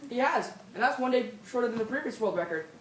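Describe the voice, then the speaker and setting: A woman's voice: on the high side, animated, fast talker, natural voice. Woman as a cheeky servant, distant and echoey. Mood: matter-of-fact. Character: cheeky, dim, literal-minded minder and servant. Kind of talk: live stage comedy acting. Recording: echoey stage, distant mic, clear noise.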